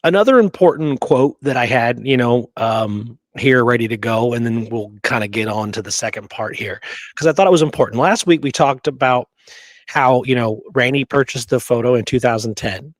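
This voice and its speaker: Reading quotes on a discussion show he co-hosts, a man speaks at a moderate pace with a medium pitch, recorded without echo. His speech is full of "you know," along with frequent checks like "okay?" and "right?"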